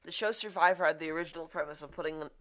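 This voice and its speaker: A woman's voice: sits low, racing, a bit bright. A teenage girl co-hosting a podcast, reading jokes aloud in casual chat, giggling and stumbling over words. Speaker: podcast co-host.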